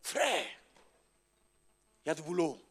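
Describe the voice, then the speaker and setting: A man preaching as a pastor in a church on a microphone, shouting exhortations and dropping to a low storytelling voice, laughing as he tells his story. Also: very animated, slow, breathy edge. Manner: laughs while telling the story. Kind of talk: charismatic preaching with testimony. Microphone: handheld or stand mic.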